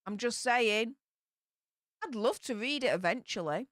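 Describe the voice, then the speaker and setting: Hosting a laid-back live chat, this Yorkshire-accented woman reads out comments from her viewers and replies in a chatty way, full of broad local slang. She speaks a little slowly, her slightly high voice lively in intonation and fairly bright in tone. The recording is dry and studio quality.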